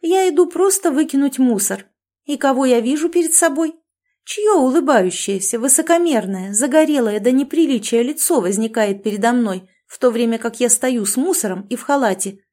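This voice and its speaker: A domineering, self-certain woman friend who lectures and orders others about with heavy sarcasm, voiced by a female audiobook reader. Her voice is lifted higher and louder than the narration. Each line lands as a command or a cutting remark. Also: lively intonation, normal speed. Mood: indignant. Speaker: language teacher.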